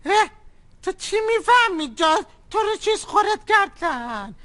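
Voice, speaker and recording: A performer playing a suspicious old grandmother, talking in a scolding, shrill way in a comedy sketch. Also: very animated, pushed and bright, heavily acted.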